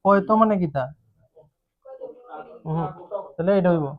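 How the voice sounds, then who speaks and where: A high-voiced male teacher runs a classroom grammar lesson, unhurried, questioning, repetitive and coaxing his students. The classroom recording sounds dull and dry.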